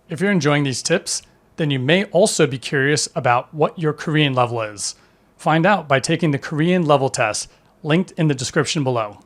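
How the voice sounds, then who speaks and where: Man narrating a scripted lesson, slightly high. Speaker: language teacher.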